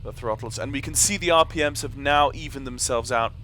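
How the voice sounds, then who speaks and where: A man's voice: medium pitch, fairly quick, sharp tone. A man giving casual live commentary as a flight sim streamer, thinking aloud hesitantly as he works through procedures. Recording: clear engine hum behind voice. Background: simulated propeller aircraft engine noise.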